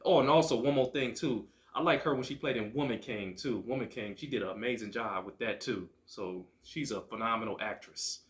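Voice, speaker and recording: A man hosting his own show, giving a casual, chatty film review in a relaxed way. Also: mid-range voice, fairly quick, few pauses. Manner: relaxed, chatty, upbeat greeting. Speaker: movie reviewer, host.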